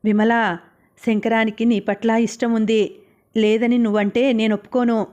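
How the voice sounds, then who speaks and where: A woman voicing an earnest friend who gently scolds and mediates. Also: fairly high pitch, level tone, normal speed, lightly acted. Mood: reproachful. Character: calm, reproachful woman friend, patient mediator.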